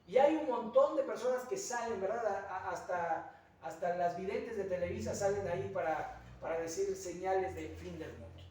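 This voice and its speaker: High-voiced Mexican pastor in echoey church. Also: male voice, moderate pace, darkish tone, far from the mic. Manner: earnest preaching with rhetorical asides and filler hesitations. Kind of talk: sermon. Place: church sanctuary.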